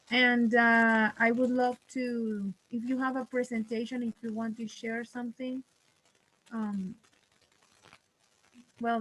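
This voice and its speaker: A woman from Venezuela speaks in a somewhat high voice over a video call. She talks in a friendly, grateful way, with many fillers and restarts. It sounds like a casual online chat. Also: rough recording. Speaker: webinar presenter.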